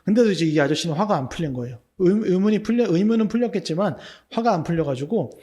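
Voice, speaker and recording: A man's voice: sits high, lively intonation, quick pace, mellow. A male pastor giving a sermon at a midweek prayer service, telling a personal story in a conversational way and acting out his own remembered thoughts. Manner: conversational, with rhetorical questions to the congregation.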